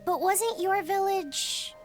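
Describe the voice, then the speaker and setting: A woman voicing a tiny, cheeky male fairy creature in a video game, with a squeaky, excitable and whiny manner. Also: takes it slowly. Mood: teasing. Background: game music.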